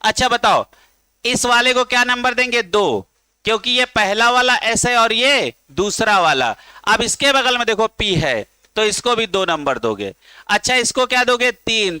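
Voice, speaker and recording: A man's voice: high voice, sharp tone, clear, resonant tone, no room sound. A male chemistry teacher giving a classroom lecture, coaxing his students and drilling them to chant along.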